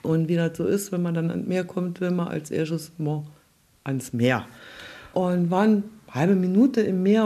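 A woman from Germany, a nurse, telling a personal story dramatically, dropping to hushed asides and rising loud. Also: fairly low pitch, vocal fry. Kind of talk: spoken anecdote.

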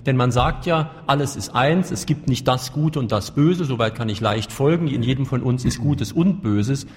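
A man's voice: medium pitch, normal speed. A male interviewer with a middling voice asks searching, pointed follow-up questions. He sometimes hesitates and searches for words before pressing his point. The room adds a long, echoing reverb. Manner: thoughtful, hesitant with fillers, pressing follow-ups.

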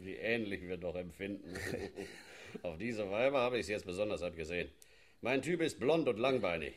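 In a satirical sketch, an actor plays a zealous riot policeman who relishes force and gloats about using it. His deep voice moves at normal speed, and the delivery is lively, gloating and leering.

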